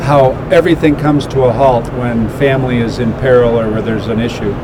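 Man, mid-pitched, halting and reflective interviewer over clear background noise. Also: fairly even intonation. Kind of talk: casual interview.

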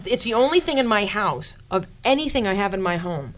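A middle-aged woman co-hosting a casual paranormal chat, animated and acting out quotes in lively voices. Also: mid-range voice, a little fast. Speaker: podcast co-host.

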